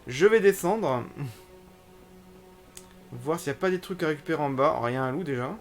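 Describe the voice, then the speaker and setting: A male gamer talks through his play session, musing to himself as he hunts for the way forward. His voice sits a little high, and game music plays faintly underneath. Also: very fast, fairly bright tone. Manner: thinks aloud, reads on-screen tutorials aloud. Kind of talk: casual gameplay commentary.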